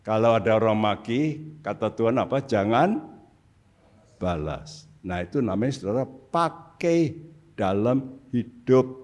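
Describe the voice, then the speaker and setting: A man's voice: fairly low pitch, animated, unhurried, a little mellow. An older man preaching a sermon as pastor, putting rhetorical questions to the congregation. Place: church service.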